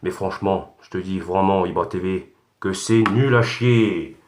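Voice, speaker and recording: A man's voice: low voice, unhurried, a little mellow. A man playing a ranting Darth Vader. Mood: angry. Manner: rambling insulting rant, stumbling with fillers. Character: ranting Darth Vader parody, menacing protective father. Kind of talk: clash video rant. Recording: echoey room.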